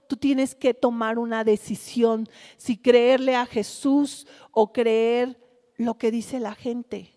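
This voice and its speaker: A woman's voice: high voice, darkish tone. A woman preaching a sermon, putting rhetorical questions to her congregation. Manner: asks the congregation rhetorical questions, slow and deliberate. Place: church hall. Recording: long reverb of a church hall.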